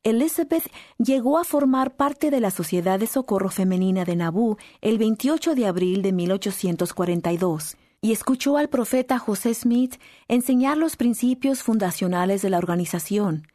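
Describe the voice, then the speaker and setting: A woman narrates in a calm, measured reading voice. Her tone is mellow and dark, recorded dry on a close studio mic with no room sound. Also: mid-range voice, no room sound. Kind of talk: scripted narration.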